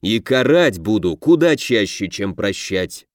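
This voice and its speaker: Guy doing a grumpy half-orc wannabe king, deep and slow, full of himself. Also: animated, dry recording, studio quality. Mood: pompous. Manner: growling, pompous, slow deliberate.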